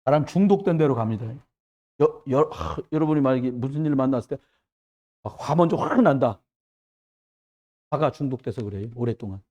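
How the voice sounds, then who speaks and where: A man preaching a sermon as pastor in a church, jumping between loud exclamations and hushed asides. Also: medium pitch, expressive, fairly quick, long pauses, muffled recording. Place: church sanctuary.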